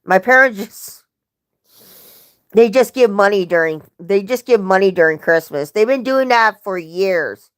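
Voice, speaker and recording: On her livestream, a young woman drifts through rambling family stories, frequently stopping to correct herself. She speaks a little slowly in a mid-range voice with lively intonation.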